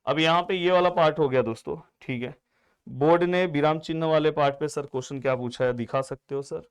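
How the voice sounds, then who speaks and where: A man's voice: fairly high pitch, brisk, clean tone. Chatty male grammar tutor. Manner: chatty, repeatedly addressing students as friends; answers his own imagined student questions. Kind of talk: exam-prep lesson.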